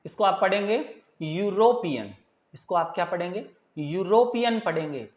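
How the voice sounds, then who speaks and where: A man's voice: high voice, lively intonation, normal speed, a little mellow, reverberant. A man teaching English grammar in Hindi, with a Hindi accent, who asks the viewer questions and repeats them. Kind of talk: classroom grammar lesson.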